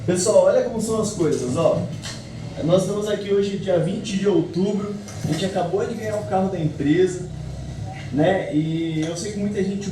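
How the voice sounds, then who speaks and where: A Brazilian man with a fairly high voice urges his followers not to lose heart. He sounds far from the phone, deep in a ringing echo, with loud street noise around him. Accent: Brazilian Portuguese. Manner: urgent, encouraging, exhorting. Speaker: motivational business speaker. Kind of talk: pep talk to followers in a clip. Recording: distant echoey phone clip with street noise.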